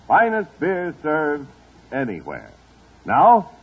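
1940s radio announcer from an old broadcast disc. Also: male voice, a little high, huge pitch swings, phone-quality sound. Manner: brisk, upbeat salesman's delivery. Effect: old broadcast disc sound.

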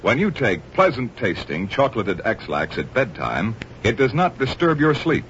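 A man delivering a chipper 1950s radio commercial as the pitchman. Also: wildly swooping pitch, moderate pace, fairly bright tone. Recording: muffled vintage radio, faint noise.

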